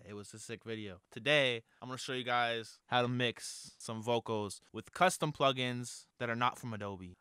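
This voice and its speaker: A young adult music producer delivers a casual, upbeat lesson on mixing vocals, his medium-pitched voice pushed, bright, and smooth. He speaks close to a studio mic on an arm in a home studio, with no room sound in the recording.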